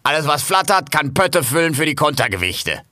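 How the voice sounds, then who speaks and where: A man's voice: on the high side, sing-song, a little fast, sharp tone, no echo, studio quality, faint music behind. A man voicing a blunt, busy foreman who barks casual, slangy orders. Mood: brusque. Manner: brusque, casual colloquial orders.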